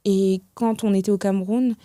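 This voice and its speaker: A young woman from France, a podcast guest talking in a reflective, hesitant way with many pauses and restarts. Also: medium pitch, fairly even intonation, warm tone, dry recording, studio quality. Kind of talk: casual podcast conversation.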